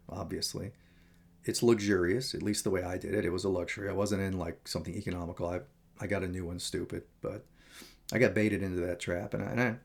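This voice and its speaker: A man's voice: on the low side, creaky. A man talking in a casual, rambling vlog monologue, candid and meandering as he tells stories. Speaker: vlogger.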